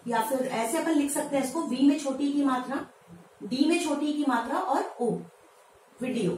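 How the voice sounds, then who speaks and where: High-voiced woman teaching pronunciation. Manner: lively, asks viewers questions and answers them; spells words out slowly, syllable by syllable. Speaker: English teacher. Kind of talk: Hindi-language pronunciation lesson. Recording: echoey room, voice from a distance, faint background noise.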